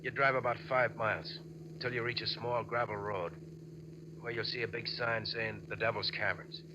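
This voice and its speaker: This man's voice is fairly low and flat, at normal speed and only lightly acted, as he portrays a wounded, sarcastic former convict and bank robber in a 1940s radio play. He's clipped, dry and tough, guardedly calm and dryly defiant, heard through muffled old audio with background noise.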